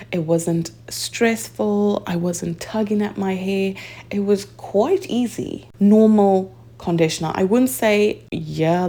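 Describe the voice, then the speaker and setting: Gravelly, husky-voiced woman from Zimbabwe. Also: lowish voice. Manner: chatty, reads product claims aloud, drops to soft asides. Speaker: hair care vlogger. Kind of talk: casual product review.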